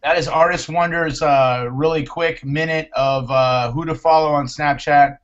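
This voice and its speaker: A man's voice: fairly high pitch, steady tone, measured pace, a bit bright, muffled recording. A man hosting a casual live chat show, playful and jokey, calling out his guests by name. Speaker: host.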